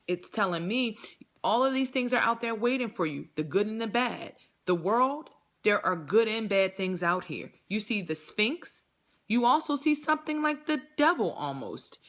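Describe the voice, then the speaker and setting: A woman's voice: fairly low pitch, a bit bright. A woman reading tarot cards to her viewers in a subdued, earnest, encouraging way, repeating key phrases. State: subdued, low energy. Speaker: tarot reader. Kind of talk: casual tarot reading to camera.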